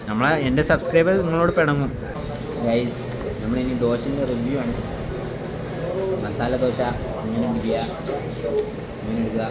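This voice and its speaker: Holding his phone in a crowded indoor restaurant, a vlogger with a Malayali accent and a medium-pitched voice chats casually about food. He teases and mixes English into his Malayalam, and the audio is poor, with diners talking all around.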